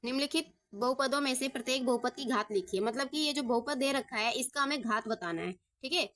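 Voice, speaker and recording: A woman's voice: sits high, a little fast, fairly bright tone. A woman maths teacher working through problems step by step, patiently asking questions and answering them herself. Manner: patient, asks and answers her own questions, says ठीक है often. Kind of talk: step-by-step lesson.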